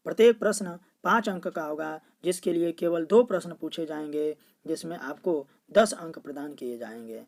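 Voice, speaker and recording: Low-voiced woman reciting a syllabus list. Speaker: teacher. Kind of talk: reading a syllabus list aloud.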